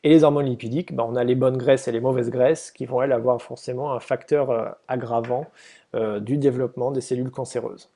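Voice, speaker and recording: A man's voice: medium pitch, steady tone, a little fast, warm tone. A man giving a casual, explanatory slide presentation to volunteers, hesitant, with many fillers and restarts.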